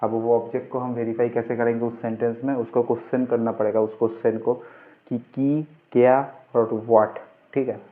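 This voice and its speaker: Heard through muffled, narrow-band audio resembling a phone, a man tutors grammar in an informal, instructive way. He asks questions and answers them himself, speaking at normal speed in a level, medium-pitched voice.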